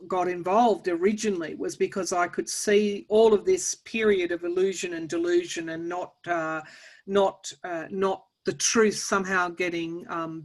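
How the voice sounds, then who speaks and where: An Australian woman hosting a spiritual channel, talking casually with many restarts and fillers. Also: fairly low pitch. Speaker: tarot channel host. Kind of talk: casual conversation.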